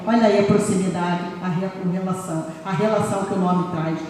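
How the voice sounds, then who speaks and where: A woman's voice: fairly low pitch, fairly even intonation, fairly quick, darkish tone. A woman preaching a sermon with emphasis, often repeating phrases for stress. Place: church sanctuary. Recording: echoey hall, voice far from mic, faint noise.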